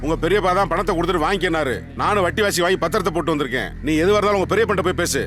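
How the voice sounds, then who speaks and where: A man's voice: sits high, very fast, a bit bright, soft background music. An actor playing a shopkeeper who firmly reasons with a rowdy young man. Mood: reasoning. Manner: firm, reasoning. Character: middle-aged shopkeeper, calm, then firm.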